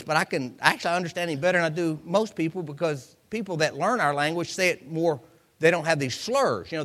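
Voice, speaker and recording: The speaker is a man from the United States preaching an informal Bible lesson, his voice fairly high with a fairly bright tone. Folksy in manner, he acts out examples and quotes, repeating phrases to drive his point home.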